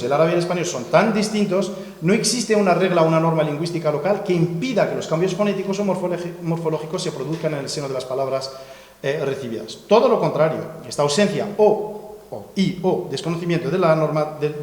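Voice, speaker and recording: A seminar lecturer delivers an academic talk in a chatty, digressive way, full of fillers and false starts, sketching on a board while explaining. His voice is fairly high with a darkish tone. The hall is echoey, with a long reverb.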